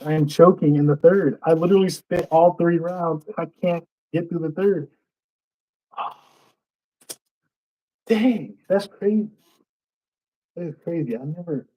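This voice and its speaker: A man's voice: a little high, dark tone, low-quality recording. A man reciting his battle rap verses in rhythm, often restarting lines and muttering to himself when he forgets. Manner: rhythmic recital with frequent restarts and self-corrections. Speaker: battle rapper.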